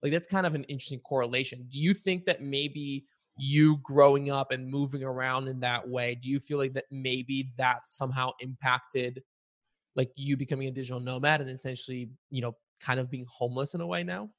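Host, man, mid-pitched, thoughtful questioner. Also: steady tone, a little fast, fairly bright tone, no room sound, studio quality. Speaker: podcast host. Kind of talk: interview questions.

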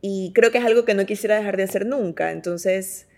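A woman's voice: medium pitch, brisk. A woman with an Ecuadorian Spanish accent, chatting expressively as an interview guest, often restarting her sentences. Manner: expressive, talks with many restarts. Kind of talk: casual interview chat.

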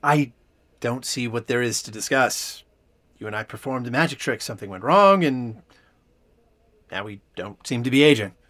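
An actor playing a flamboyant, evasive stage magician who laughs often, in an audio drama. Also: male voice, mid-range voice, expressive, moderate pace, pauses often, fairly bright tone, lightly acted. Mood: dismissive.

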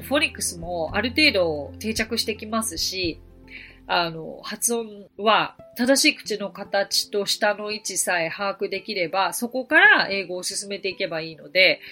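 Bright, lively woman teaching English. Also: medium pitch. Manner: friendly, encouraging, explains step by step. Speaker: English teacher and podcast host. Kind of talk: explanatory podcast lesson.

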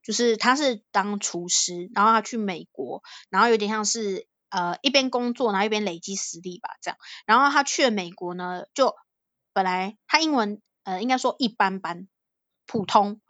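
A woman from Thailand co-hosting a podcast, telling stories in a casual, animated way, often laughing and acting out the voices she quotes. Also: medium pitch, moderate pace, no room sound. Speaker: podcast co-host. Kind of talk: casual storytelling chat.

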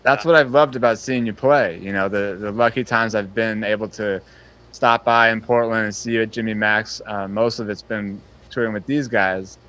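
A man's voice: on the low side, steady tone, normal speed, a bit bright, highs cut off. A man interviewing a fellow musician in casual chat, earnest and appreciative, with many fillers and restarts.

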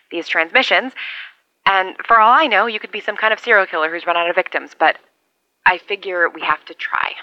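A woman's voice: fairly low pitch, dry recording, dull audio. A woman playing a wry, lonely survivor who rambles into a two-way radio, heard through it. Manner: rambling, self-deprecating, wry. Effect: transmitted over a two-way radio. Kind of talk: audio drama monologue.

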